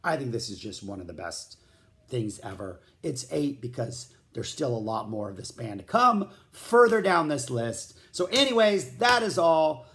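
A man who reviews albums as a music vlogger rambles enthusiastically in a casual spoken review, full of "like" fillers, scatting riffs aloud and saying he feels hot. His mid-range voice has big pitch swings, a fairly bright tone and a normal speed.

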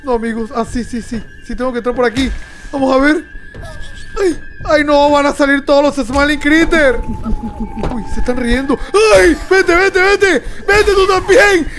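High-voiced excitable man gaming. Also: moderate pace, a little hiss or hum. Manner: excitable, talks to viewers, yelps and laughs at scares. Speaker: gamer. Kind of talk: let's-play commentary. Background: game music.

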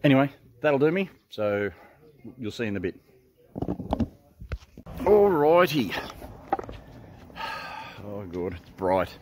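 A man's voice: mid-range voice, big pitch swings, slow pace, pauses often. A middle-aged Australian man chatting casually on a road-trip vlog, rambling with lots of ums and restarts, filmed on a handheld camera at arm's length outside in a small town. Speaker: vlogger. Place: outdoors in a small country town street.

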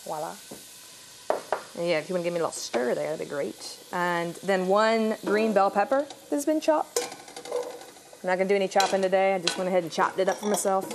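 A young woman cooking on a TV studio kitchen set, relaxed and chatty as she explains each step, on a lapel mic. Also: medium pitch, fairly quick, background noise. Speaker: cooking show guest cook. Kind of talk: casual cooking demonstration.

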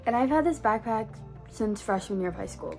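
A woman's voice: fairly high pitch, expressive, a little fast, dark tone, faint music behind. A young woman, a college student, chatting casually to her phone camera in a small dorm room, breezy and full of fillers. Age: young adult. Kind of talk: casual vlog talk to camera. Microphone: phone camera at arm's length.

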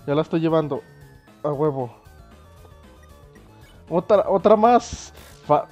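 A young man with a Mexican accent giving let's play commentary on a game. He is excitable, swears a lot and yells at the screen. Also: on the high side. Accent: Mexican Spanish. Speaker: gaming YouTuber. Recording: dull lo-fi sound with faint game music.

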